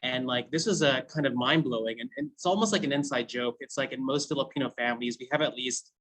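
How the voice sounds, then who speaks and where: Talking fast in a mid-range, slightly bright voice, a man from the United States in his thirties recounts how he founded his food brand for a class. He's chatty, laughs a lot and says "you know" constantly, and the recording quality is low.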